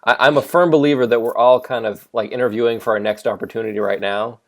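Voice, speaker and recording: A man's voice: medium pitch, steady tone, fast talker, vocal fry. A man hosting an interview, affirming and encouraging his guest. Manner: affirming, encouraging, many short backchannels. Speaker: interview host. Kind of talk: interview conversation.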